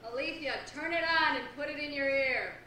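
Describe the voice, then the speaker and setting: A cheeky, man-hungry older woman, played by an actress, coy and suggestive. Her voice sits high. It is picked up from far off on an echoing stage with background noise. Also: brisk, sharp tone. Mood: impatient. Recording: noisy echoey stage from far off.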